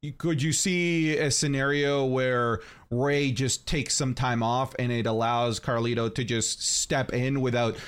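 A man's voice: mid-range voice, steady tone, unhurried, hardly any pauses, clear, resonant tone. A man hosting a wrestling podcast in casual chat, emphatic and joking, often repeating words. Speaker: podcast host.

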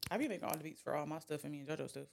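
A woman's voice: low-pitched, rapid-fire, creaky, a little hiss or hum. A young woman hosting a podcast, chatting casually, swearing and laughing a lot. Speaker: podcast host. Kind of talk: casual chat.

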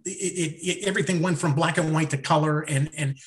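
Animated storytelling man co-hosting a podcast. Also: fairly high pitch, fairly quick. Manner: animated storyteller, acts out his own confusion. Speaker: podcast co-host. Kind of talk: casual chat.

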